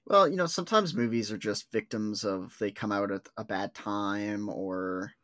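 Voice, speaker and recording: A man co-hosting a podcast rambles casually about movies, leaning heavily on "like" and "uh." His voice is on the low side but fairly bright, at a normal speed, recorded in a clean studio with no room sound.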